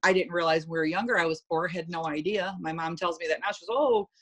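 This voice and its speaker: A woman's voice: on the low side, steady tone, fast talker, fairly bright tone. A middle-aged woman, a guest in an interview, telling a personal story candidly and animatedly.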